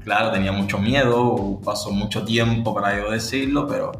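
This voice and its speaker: A man in his twenties from Cuba with a Cuban Spanish accent, a guest in a podcast interview, lively and quick to laugh, often restarting his phrases. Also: lowish voice, echoey room, soft background music. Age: 20s.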